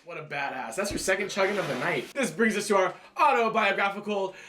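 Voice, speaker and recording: A man's voice: sits high, a little fast, over loud music. A young man co-hosting a casual recap show, talking in a blunt, snarky, jokey way. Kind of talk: casual chat.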